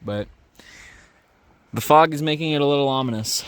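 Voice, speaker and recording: A man casually narrating a rainy mountain hike outdoors, relaxed and chatty with a few fillers. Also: on the high side, normal speed, smooth, dry recording. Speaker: hiking vlogger.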